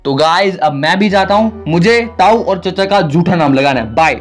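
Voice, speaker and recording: A man narrates a cartoon story in a chatty, casual manner and talks straight to his viewers. His voice sits fairly high for a man. Faint music plays beneath him. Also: expressive, normal speed. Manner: chatty, addresses viewers directly.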